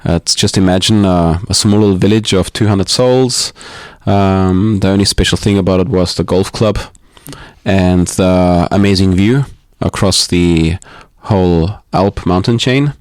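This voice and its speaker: Soft-spoken low-voiced Austrian guest. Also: male voice, unhurried, dry recording, clean studio sound. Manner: hesitant, reflective, with many ums and restarts. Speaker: podcast guest. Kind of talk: casual interview talk. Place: home living room.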